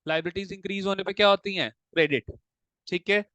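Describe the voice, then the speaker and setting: A man's voice: sits high, steady tone, quick pace, bright, forceful tone, dry recording, dull audio. A male accounts teacher, mixing Hindi and English while he drills a class with repeated questions. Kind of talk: classroom lesson.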